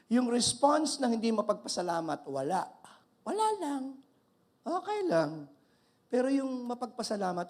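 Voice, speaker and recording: Older man preaching with lively energy. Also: high-pitched. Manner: animated preaching, mixing Tagalog and English, call-and-response with congregation. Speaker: pastor. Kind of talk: sermon.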